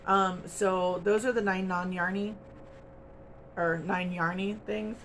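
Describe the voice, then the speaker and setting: A woman's voice: mid-range voice, fairly even intonation, slow, fairly bright tone, a little hiss or hum. A woman chatting casually to camera as host of a crochet channel, rambling along with lots of ums and little laughs, from home. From United States.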